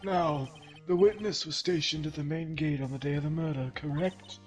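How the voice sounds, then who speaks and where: A man's voice: fairly high pitch, steady tone, normal speed, darkish tone, faint music behind, pitched above the performer's own voice, lightly acted. A man voicing a stern, commanding judge in a playful video game dub. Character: stern middle-aged male judge.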